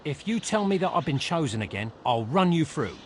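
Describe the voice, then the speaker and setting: An actor playing a sarcastic, greedy mercenary bard in a video game cutscene, mocking and impatient. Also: male voice, fairly high pitch, big pitch swings, fairly quick, a little hiss or hum. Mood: scornful.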